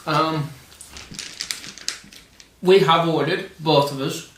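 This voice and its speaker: A man's voice: fairly high pitch, lively intonation, moderate pace, a bit bright. A man co-hosting a casual film discussion, opinionated and emphatic, with casual swearing. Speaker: co-host. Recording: roomy echo, distant mic, faint noise.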